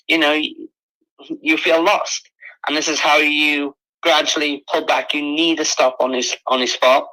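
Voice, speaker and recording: A man working as a spiritualist, giving live psychic readings in an earnest, repetitive, halting conversational way. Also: medium pitch, pushed and bright, rough recording.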